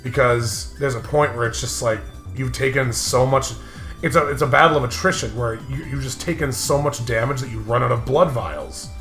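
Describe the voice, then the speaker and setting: Faint background music and a roomy echo surround a man co-hosting a let's play for a gaming show. Speaking at a moderate pace in a medium-pitched, fairly bright voice, he keeps the talk casual and jokey, teasing his co-host and often breaking into laughter.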